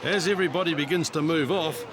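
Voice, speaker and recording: A New Zealand man delivers scripted reality TV narration. His voice sits a little higher than average. Clear street and traffic noise runs underneath. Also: quick pace.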